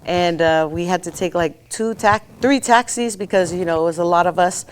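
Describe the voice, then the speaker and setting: A woman's voice: on the low side, normal speed, a little hiss or hum. Rambling woman telling a family story. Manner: rambling, animated, many fillers. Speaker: podcast co-host. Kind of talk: casual storytelling chat.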